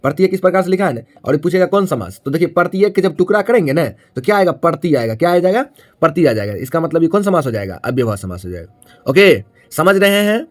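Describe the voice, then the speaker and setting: Higher-pitched guy teaching grammar, asks and answers his own questions, keeps checking in with the class. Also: very animated, fast talker. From Bihar, India. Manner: repetitive, asks questions and answers them himself; frequent tag question "है ना". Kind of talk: classroom-style video lesson.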